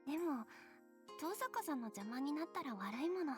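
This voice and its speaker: An actress voicing a gentle, eager-to-please schoolgirl, speaking politely and shyly in a game. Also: sits high, lively intonation, fast, faint music behind. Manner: polite and shy. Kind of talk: game voice acting.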